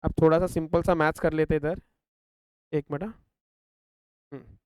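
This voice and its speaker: A young Indian man, working as a math tutor, leads a class in a fairly high, smooth, slightly mellow voice, firing questions at students and answering them himself. He counts steps aloud while using a calculator. His tone is steady and his pace moderate, in a close, dry recording.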